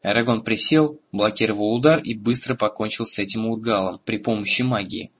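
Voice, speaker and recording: A man narrating a fantasy audiobook in a steady storytelling manner, in a lo-fi recording. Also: lowish voice, brisk, a little hiss or hum. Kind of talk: scripted narration.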